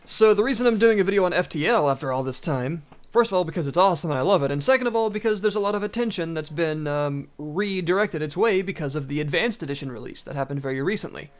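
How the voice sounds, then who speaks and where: A man's voice: on the high side, lively intonation, quick pace, hardly any pauses. A man giving casual, enthusiastic, rambling commentary while he plays a video game. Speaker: gaming video host. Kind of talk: casual let's-play commentary.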